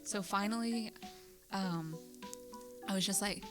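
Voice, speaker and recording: A woman's voice: mid-range voice, slow pace, over music. A young woman co-hosting a podcast, telling a rambling story in casual chat, with lots of "like" and frequent giggles. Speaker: podcast co-host.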